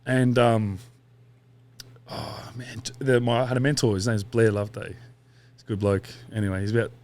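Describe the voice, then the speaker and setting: A man's voice: mid-range voice, level tone, normal speed, a little mellow. Man, thirties, podcast guest, rambling storyteller, swears casually. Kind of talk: casual interview chat.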